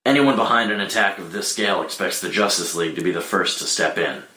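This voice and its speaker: A man's voice: sits low, fast talker, pushed and bright. A man playing Batman, a grim, distrustful and commanding hero, in a dramatic table read, with terse, confrontational delivery. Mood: stern, resolute. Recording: roomy echo with noticeable background noise.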